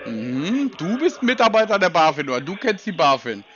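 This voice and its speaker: A man speaks bluntly and mockingly to a scammer, cutting him off again and again. His voice is high and animated, with swinging pitch. The sound is muffled and lo-fi. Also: normal speed. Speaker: caller confronting a scammer. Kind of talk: confrontational phone call. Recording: muffled lo-fi phone audio.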